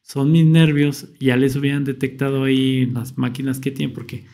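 A young man telling a personal story in a casual, animated way, acting out what he and others said. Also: mid-range voice, normal speed, gravelly. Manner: animated retelling, acts out his own past quotes. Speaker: vlogger.

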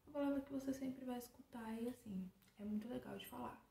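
A woman hosting a casual language vlog, repeating each foreign word slowly several times. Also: a little high, vocal fry, dark tone, recorded from a distance. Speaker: language vlogger. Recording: roomy echo.

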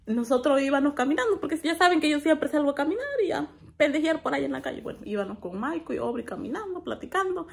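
A woman, telling a story to camera in an animated way and laughing often, recorded at home on a phone. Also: high voice, quick pace, vocal fry. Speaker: family vlogger. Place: small room at home, indoors.

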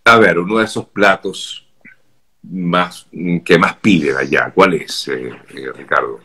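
A man's voice: low-pitched, measured pace, bright, forceful tone. A Venezuelan journalist in his fifties with a Venezuelan accent, hosting an interview over a video call, hesitating with fillers and repeated words before his questions. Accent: Venezuelan Spanish. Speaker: journalist host.

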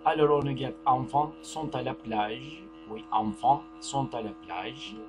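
Turkish guy teaching french, super slow, repeats everything, music and hum in the background. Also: medium pitch. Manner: slow, repeats words and phrases, checks with "d'accord?". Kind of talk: classroom grammar lesson. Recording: music and mains hum behind.

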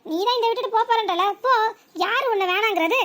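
A woman voicing a sharp-tongued old village mother-in-law in a cartoon, with a southern Tamil Nadu accent. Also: extremely high pitch, fast, pitched above the performer's own voice. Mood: stern. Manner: scolding, mocking, dramatic.

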